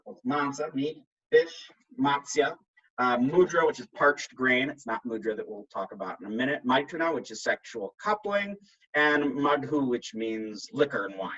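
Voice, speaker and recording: A man's voice: mid-range voice, fairly bright tone, husky, muffled recording. A man giving a recorded lecture in a conversational way, with asides and restarts.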